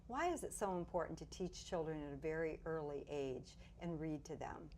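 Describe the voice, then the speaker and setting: A woman's voice: low-pitched, animated, normal speed, darkish tone, a little hiss or hum. A woman hosting an interview, putting prepared questions to a guest and introducing each part. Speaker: interview host. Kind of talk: scripted-sounding interview questioning.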